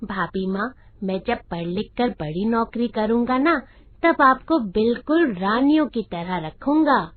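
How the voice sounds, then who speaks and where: Cartoon child: a soft, earnest little boy, voiced by a woman, tinny sound. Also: a little high, lively intonation, measured pace, no room sound.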